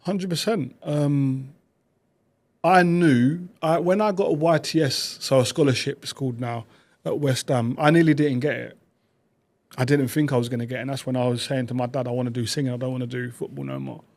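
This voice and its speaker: A man, a podcast guest telling stories about his past in quick, animated bursts. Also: mid-range voice. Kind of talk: reflective conversational storytelling.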